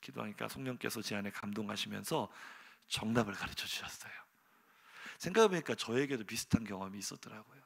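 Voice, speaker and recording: A middle-aged pastor preaches in a church sanctuary, telling the story with animated energy, sudden loud exclamations and rhetorical questions to the congregation. His voice is on the low side, fast, creaky and husky.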